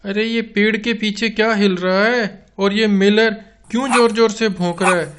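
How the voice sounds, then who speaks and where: A man's voice: high voice, steady tone, normal speed, a bit bright. A man voicing a village father who urgently calls his family for help.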